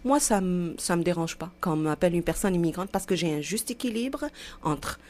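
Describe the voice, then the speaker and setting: A woman from Algeria talks as an interview guest in a voice on the low side for a woman. She stumbles and restarts, then presses forward with lively emphasis. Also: fairly quick. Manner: animated, hesitant, with repeated restarts. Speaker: guest, director of an intercultural association. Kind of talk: conversational interview.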